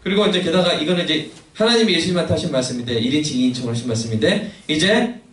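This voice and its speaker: Preacher with a high voice in an echoey church. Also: male voice, very fast, far from the mic. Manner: lively, asks the congregation questions. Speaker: pastor. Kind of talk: sermon. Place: church sanctuary.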